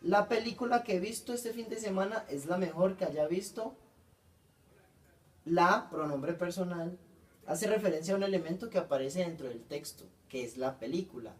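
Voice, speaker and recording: A man, reading out a class presentation on punctuation and coherence, pausing often and correcting himself. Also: high-pitched, distant mic. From Colombia. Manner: halting, frequent self-corrections.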